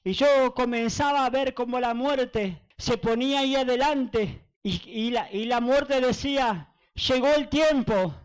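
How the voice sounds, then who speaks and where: A man preaches a fervent testimony, circling back on his phrases again and again. His voice sits high and rings smooth and clear. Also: rough recording. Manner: fervent and repetitive. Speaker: evangelist. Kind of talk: testimony sermon.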